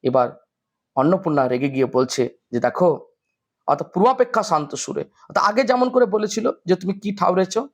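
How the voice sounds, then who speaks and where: A man's voice: sits high, expressive, a little fast. A man teaching a literature class, reading a story line by line and explaining each phrase with rhetorical questions and repetition.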